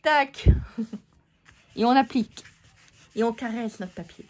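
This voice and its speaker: Slow-talking, joking woman crafter. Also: on the high side, darkish tone. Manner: joking, playful, teasing the viewers. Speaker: card-making tutorial host. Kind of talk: casual crafting tutorial.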